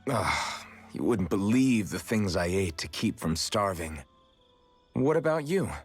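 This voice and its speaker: An actor playing an earnest young male freedom fighter and former slave in a game, speaking frankly with a husky voice. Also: lowish voice, expressive, unhurried, no echo, faint music behind. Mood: reflective. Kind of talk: game character dialogue.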